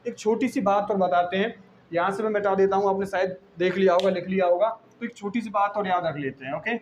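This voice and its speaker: A man's voice: high voice, fairly quick, a little hiss or hum, rough recording. A man with an Indian accent teaching English in a classroom lesson, spelling words out letter by letter and answering his own questions.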